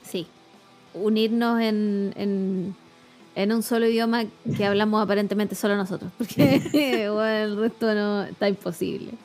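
A woman's voice: medium pitch, steady tone, normal speed, darkish tone, soft background music. A young woman with a Chilean accent co-hosting a casual podcast, talking in slang and laughing often. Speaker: podcast co-host. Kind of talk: casual chat.

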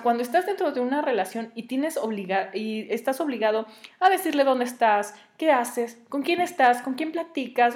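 A young woman with a Mexican Spanish accent, hosting her own podcast and talking casually and earnestly to her listeners, giving relationship advice. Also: on the high side. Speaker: podcast host.

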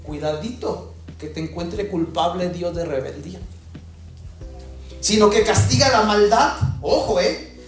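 A woman preacher delivering an animated sermon, mimicking people in mocking voices. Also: on the low side, measured pace, pauses often. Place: large echoing church hall. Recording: very echoey hall with faint music.

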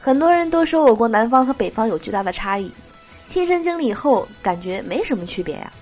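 Cheerful female joke-show host, lively pitch, nasal from a cold. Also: quick pace, soft background music. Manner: cheerful, laughs at her own jokes. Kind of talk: reading jokes aloud.

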